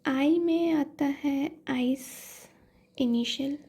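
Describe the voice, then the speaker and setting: Woman, phonetics teacher, high but very dark voice, unhurried lesson delivery, slows down to sound out words. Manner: explains step by step, slows right down to sound out example words; checks in often with "ठीक है" and "okay". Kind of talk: classroom lesson, mixing Hindi and English.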